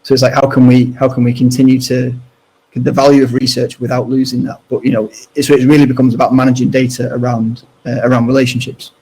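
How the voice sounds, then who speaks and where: A man's voice: medium pitch, little pitch movement, mellow, breathy edge, low-quality recording. A man speaking as a guest on a webinar, talking casually with a lot of restarts, fillers and hedges. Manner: halting, full of restarts and fillers.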